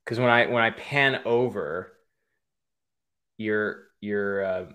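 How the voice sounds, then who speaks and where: A man's voice: fairly low pitch, slow, pushed and bright. A man hosting his own livestream, reading viewer comments aloud and steering the show, often stumbling and restarting his sentences. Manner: stammering restarts, reads chat comments aloud, upbeat. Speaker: livestream and podcast host. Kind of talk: casual livestream chat.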